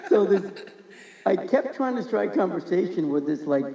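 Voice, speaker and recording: Gravelly, animated male storyteller. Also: sits high, normal speed. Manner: animated, laughs through his stories. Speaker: podcast guest. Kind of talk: casual storytelling. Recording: echoey, muffled room recording.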